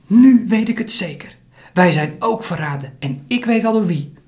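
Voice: medium pitch, little pitch movement, measured pace, voice pushed up, lightly acted. Een voorlezer speelt een opgewonden jongen met een sissende, hoge stem. Hij klinkt verontwaardigd en gespannen. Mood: agitated. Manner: hissing, agitated. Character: angry, indignant young boy.

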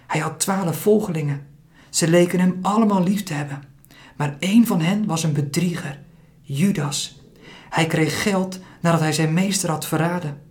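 Een voorlezer doet een moeder die haastig en zacht fluistert, vol overtuiging. Ze klinkt warm en dringend, haar stem gedempt. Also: mid-range voice, voice pushed up, natural voice. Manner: whispered, soft, urgent. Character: gentle, devout mother, whispering fervently.

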